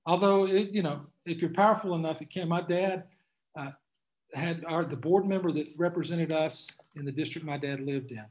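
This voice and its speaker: A man's voice: on the high side, moderate pace. A man speaking to a class, answering questions in a folksy, emphatic storytelling way.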